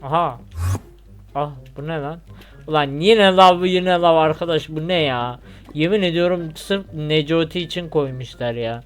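High, smooth-voiced Turkish gamer man. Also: unhurried, soft background music. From Turkey. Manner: chatty, joking, yelps when he falls. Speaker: gaming YouTuber. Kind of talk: casual gameplay commentary.

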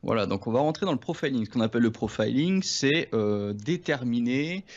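A man's voice: mid-range voice, expressive, a little fast, dull audio. A man explaining poker terms in a casual lesson, hesitant and full of restarts. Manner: hesitant, many restarts and fillers. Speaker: poker coach.

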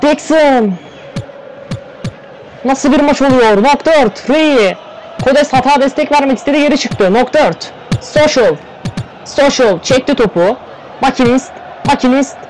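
A man calling an online football game play by play, firing off player names and bursting out in excitement at the goals. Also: very high voice, moderate pace, soft background music, poor audio. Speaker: play-by-play commentator. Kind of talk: live esports play-by-play commentary.

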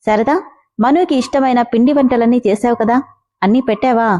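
A woman's voice: on the high side, brisk, dark tone, lo-fi sound, natural voice. Woman narrator voicing a doting father; fond and proud. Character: proud, loving middle-aged father.

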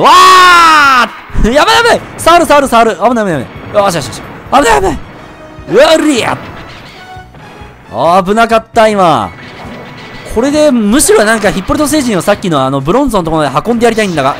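A man giving excited commentary while playing a video game, yelping and shouting whenever he takes a hit. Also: high-pitched, racing, over music. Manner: excitable, yelps and shouts at hits. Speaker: let's play gamer.

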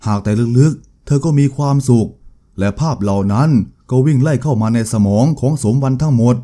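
A man narrating a novel in a steady, dramatic reading. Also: medium pitch, fairly quick. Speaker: storyteller.

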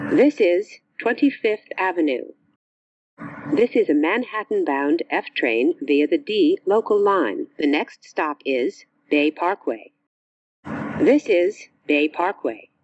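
A man's recorded train announcements, spliced together from separate words, slow and clipped with pitch jumps where the words are joined. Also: no room sound. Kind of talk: prerecorded transit announcements. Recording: muffled train speaker recording.

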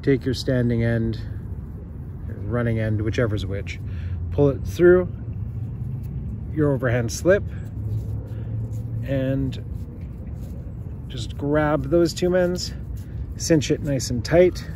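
A middle-aged man hosting a bushcraft channel, giving calm, practical step-by-step instructions outdoors in a park. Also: medium pitch, slow, pauses often, noisy background.

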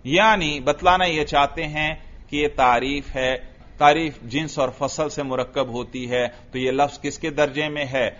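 A man's voice: a little high, fairly even intonation, a bit bright, a little hiss or hum. Man teaching in a dull lo-fi recording. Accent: Pakistani Urdu. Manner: explains by asking the class questions and answering them himself; recites Arabic text slowly, then explains it. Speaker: religious teacher. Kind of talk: classroom lecture on Arabic grammar. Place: lecture room.

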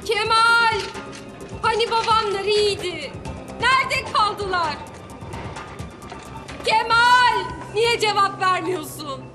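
A woman's voice: extremely high pitch, a little fast, music in the background. An actress playing a young pregnant woman of twenty-one, pleading and calling out for her family. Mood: anxious. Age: 20s.

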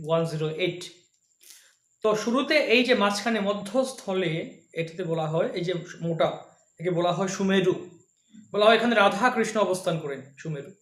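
A man giving a slow, patient devotional lesson, showing each step by hand and chanting softly between explanations. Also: sits high, expressive. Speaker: devotional teacher. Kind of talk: slow spoken instruction with chanting. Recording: echoey room.

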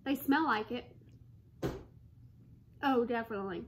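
A woman with a high voice chats her way through a snack taste test, chewing gummies as she talks. She eagerly describes what she tastes in a loose, casual way, and a faint hiss sits under her voice. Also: unhurried. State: chewing gummies while talking.

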